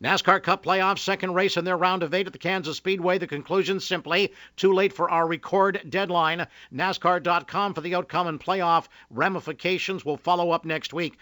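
A man hosting a motorsport news radio show in a brisk announcer style. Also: high voice, sharp tone, no echo.

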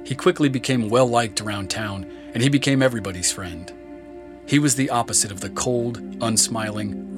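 Male history narrator, slightly low voice, even scripted delivery, music bed and crickets behind. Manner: measured storytelling delivery.

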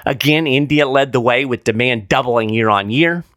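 A man's voice: mid-range voice, normal speed, a bit bright, no room sound, studio quality. Conversational male market commentary host. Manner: conversational, explanatory, with frequent fillers. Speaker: podcast host.

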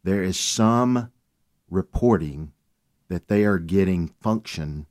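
A man, a guest on a talk radio show, telling his story in an earnest, animated way. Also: low-pitched, slow pace. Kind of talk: casual radio chat.

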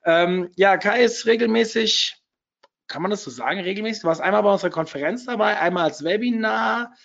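Hoarse, high-pitched man hosting a webinar. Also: fairly quick, a bit bright. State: still hoarse after losing his voice. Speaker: webinar host. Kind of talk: casual webinar moderation. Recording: dull, lo-fi webinar audio.

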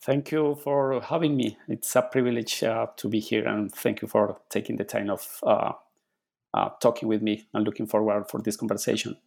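Author guest, male, gravelly timbre, halting delivery with restarts. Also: lowish voice, steady tone, a little mellow. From Colombia. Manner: halting, searching for words, many restarts. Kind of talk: podcast interview.

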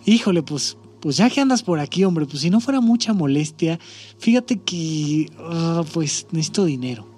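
A poor, humble carpenter with a Mexican accent hems and stammers through his words, as a man plays him in a told story. His voice sits a little high, with faint music behind. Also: lively intonation, normal speed, a little mellow, slightly rough. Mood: hesitant. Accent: Mexican Spanish. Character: poor, hesitant male carpenter.

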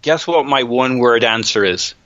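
A man's voice: medium pitch, moderate pace, a bit bright, no echo, dull audio. A man co-hosting a podcast, chatting loosely and jokingly about football, often restarting his sentences. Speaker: podcast co-host. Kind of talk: casual football chat.

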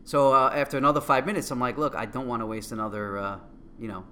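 A middle-aged man speaks with a Queens, New York accent and a bright, punchy voice. He tells his story casually and excitably, acting out what each person said as he goes. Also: mid-range voice, fast, slight background noise. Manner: animated, excitable storytelling with acted-out quotes. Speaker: guest, company co-founder. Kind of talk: casual anecdote telling.

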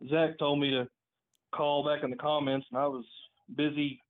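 A man's voice: a little high, little pitch movement, normal speed. Tinny phone-line man calling in. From Virginia, United States. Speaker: phone-in caller. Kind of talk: casual, hesitant chat.

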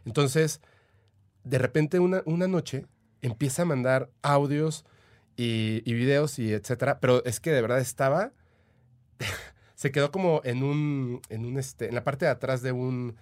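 A man with a Mexican accent talks as a podcast guest, telling his stories in loose, eager chat. His voice sits at an ordinary middle pitch, and he fills his pauses with small verbal fillers. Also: darkish tone. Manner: chatty, eager, full of "o sea" and "este" fillers. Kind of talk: casual storytelling.

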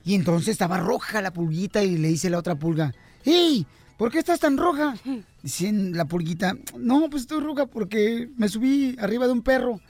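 A man's voice: high-pitched, normal speed, hardly any pauses, a little mellow. A man hosting a radio show, playful and boisterous as he tells jokes. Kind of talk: lively radio joke telling.

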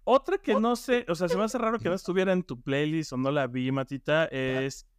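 A man's voice: a little high, fairly quick, clear, resonant tone, no room sound. A man with a Mexican accent, co-hosting a podcast, chatting casually about music with slang and fillers. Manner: rambling, playful, lots of fillers and slang. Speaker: podcast co-host.

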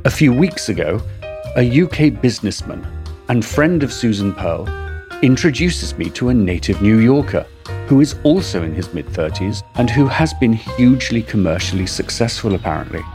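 A middle-aged man giving a measured, wry narration of his diary entries for a podcast. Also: mid-range voice, lively intonation. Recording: dry studio voice-over, soft music.

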